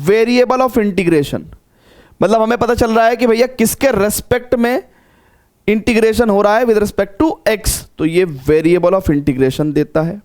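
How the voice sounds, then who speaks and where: A man's voice: high-pitched, darkish tone. A man giving a math lecture to students, repeating phrases and checking in often. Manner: coaxing, repeats phrases with frequent check-ins. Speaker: math teacher. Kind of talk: classroom lecture.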